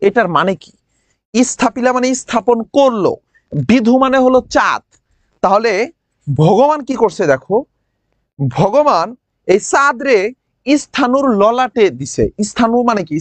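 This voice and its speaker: A man's voice: extremely high pitch, dry recording. Man teaching with dramatic flair. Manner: lively, dramatic explaining, asks students questions. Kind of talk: exam-prep poetry lesson.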